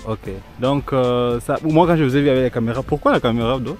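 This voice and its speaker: Vlogger, music behind. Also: male voice, mid-range voice, fast talker, darkish tone. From Congo (DRC). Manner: chatty, switches between French, Lingala and English. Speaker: vlogger and interviewer. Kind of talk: casual vlog interviews. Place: outdoors at a riverside resort.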